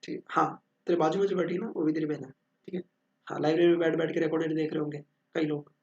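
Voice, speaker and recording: A man's voice: on the high side, fairly even intonation, quick pace, lo-fi sound. A man teaching accounting in a joking, bantering lecture, answering his own questions.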